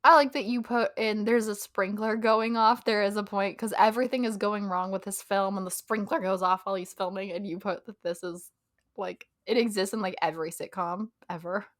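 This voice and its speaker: A woman's voice: medium pitch, steady tone, fairly quick, no room sound, clean studio sound. A young woman co-hosting a podcast in casual chat, talkative and laughing often, trailing off with ums. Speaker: podcast co-host.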